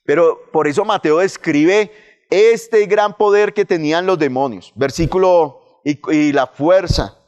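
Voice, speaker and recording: A man's voice: a little high, measured pace, a little mellow, smooth. A man with a Colombian accent, a pastor preaching a sermon and telling the story vividly, often repeating words as he searches for them. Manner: vivid storytelling, acts out voices of people and demons.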